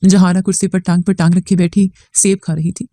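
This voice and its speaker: A woman narrating a first-person family drama story in a steady, somber manner. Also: fairly low pitch, a little fast, dry recording.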